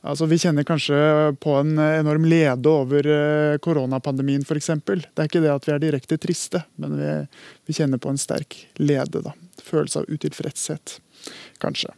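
A man's voice: on the high side, flat delivery, vocal fry, a little mellow, dry recording. A man, a language expert on a radio talk show, explaining carefully and hesitantly with many fillers and restarts. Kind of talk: radio discussion.

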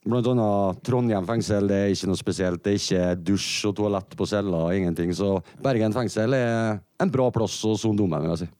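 Male panel guest, warm dark timbre, casual delivery, dry recording. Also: on the low side, few pauses, no echo. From central Norway. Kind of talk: casual chat.

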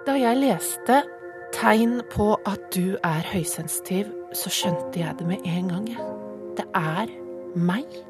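A woman's voice: medium pitch, lightly acted. Lady playing a super emotional oversensitive woman, gushy and sorry about everything, music behind. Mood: gushing teary. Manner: breathy, emotional, over-apologetic gushing. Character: gushing, oversensitive woman, teary and apologetic. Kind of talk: comedy sketch, mock documentary interview.

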